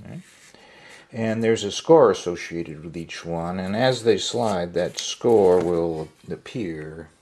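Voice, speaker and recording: Gravelly, relaxed man demoing a game. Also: sits low, a little hiss or hum. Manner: folksy, relaxed, with fillers. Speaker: craft shop owner demonstrating a product. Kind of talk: casual product demo. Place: indoor workshop tabletop.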